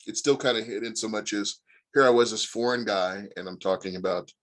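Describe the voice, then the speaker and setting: In a fairly low, fairly quick voice, a man in his forties from Indiana, USA, chats as a guest actor in a casual interview. He's a rambling storyteller, spinning long tales heavy with fillers.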